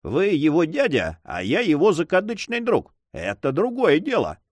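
A man voicing a burly, hot-tempered buccaneer in his forties who talks roughly and impatiently in a storybook reading. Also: on the high side, wildly swooping pitch, normal speed, no echo. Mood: eager.

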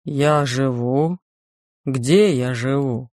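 A man doing a dazed, slow old sage. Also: medium pitch, darkish tone, no room sound, clean studio sound, voice pushed down. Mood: vacant. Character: memory-wiped old male sage, dazed and vacant.

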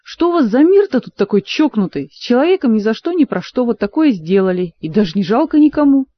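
A frightened young woman, done by a woman narrator exclaims in a lifted, shrill voice. The audiobook sound is dry and slightly dull. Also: sing-song, quick pace, dry recording. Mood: alarmed.

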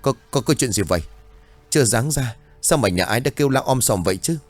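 A man's voice: medium pitch, animated, brisk, soft background music, voice pushed up, natural voice. A man voicing a stammering startled villager.

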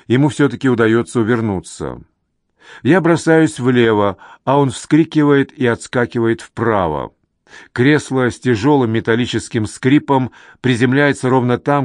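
A man narrating a novel in a measured, even reading. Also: mid-range voice, dry recording, clean studio sound. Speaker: audiobook narrator. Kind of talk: scripted narration.

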